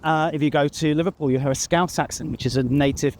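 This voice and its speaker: A man with a Received Pronunciation accent, rambling in a relaxed way while walking his dog outdoors. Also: on the high side, quick pace. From England. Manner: chatty, relaxed, with frequent ums and uhs. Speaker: vlogger. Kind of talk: casual explanatory ramble.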